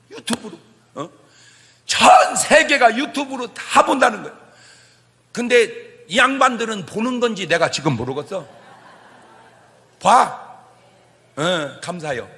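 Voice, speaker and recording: A middle-aged male pastor preaching a sermon, swinging between loud shouts and soft asides and chuckling as he tells stories. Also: high-pitched, in a large hall.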